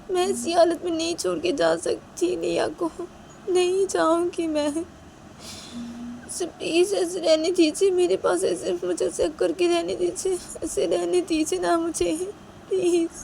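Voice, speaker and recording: A woman voicing a gentle young woman who begs softly and repeatedly, and soothes a child. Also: extremely high pitch, creaky, slight background noise, voice pushed up, heavily acted. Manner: pleading, soft, repetitive.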